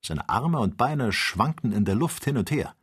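A man reading an audiobook, narrating with steady, vivid storytelling. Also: mid-range voice, normal speed, breathy edge. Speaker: audiobook reader. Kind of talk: scripted narration.

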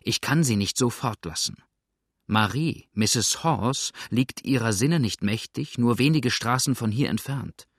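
A man reading as a calm young boatman. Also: medium pitch, slightly rough, dry recording, studio quality. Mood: firm. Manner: calm, measured, turning cold and suspicious.

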